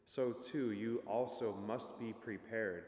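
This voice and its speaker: Priest, male, lowish voice, earnest and measured, cathedral echo with a long reverb tail. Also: fairly even intonation, darkish tone. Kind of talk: gospel reading and homily at mass. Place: large church. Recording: echoey church with long reverb.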